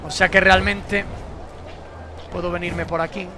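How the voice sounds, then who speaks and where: A young man, streaming a game with casual commentary, swearing and bursting into shouts. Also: high-pitched, flat delivery, measured pace, over music.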